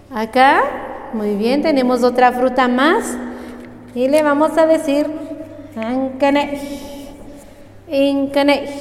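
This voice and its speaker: A woman teaching fruit names for the learner to repeat, speaking slowly and coaxing, spelling words out. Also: high-pitched, darkish tone. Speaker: language teacher. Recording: echoey room with faint music.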